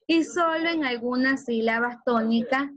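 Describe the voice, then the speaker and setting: A woman teacher from Ecuador giving an online class and explaining slowly with worked examples. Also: high-pitched, dull audio. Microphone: video call.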